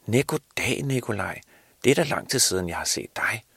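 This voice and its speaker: Storybook Santa, old and kindly, encouraging coach, booming and husky, put on by a man. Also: lively intonation, fairly bright tone, dry recording, full character voice.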